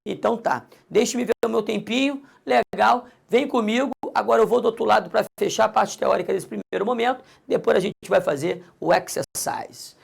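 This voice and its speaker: A man's voice: high voice, moderate pace, creaky, few pauses, slightly rough. A man teaching grammar in a recorded lesson, talking straight to the student and coaxing them along. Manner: lively, addresses the student directly and coaxes them along.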